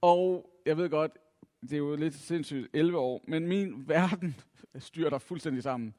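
Speaking in a hall with long reverb, a middle-aged man from Denmark shares a personal story with an audience. His voice is a little high and darkish, and he's reflective and self-deprecating, full of filler sounds.

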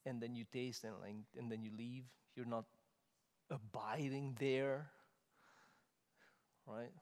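A male preacher with a mid-range voice, his sermon rolling through a reverberant church hall. He swings between loud, emphatic stresses and quiet, conversational asides. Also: medium pitch, fairly even intonation, slow pace. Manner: rises to loud emphatic stresses, then drops soft and conversational.

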